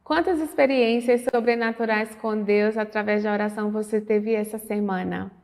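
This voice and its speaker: Gravelly-voiced woman teaching in an echoing room. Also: mid-range voice, moderate pace. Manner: animated, re-enacts dialogue, earnest devotional tone. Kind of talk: lesson with personal storytelling.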